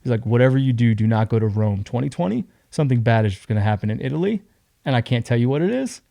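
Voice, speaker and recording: Animated man telling a wild story. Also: mid-range voice, fast talker, gravelly, no echo, clean studio sound. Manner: animated, acts out other people's lines. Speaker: podcast guest. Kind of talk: casual storytelling.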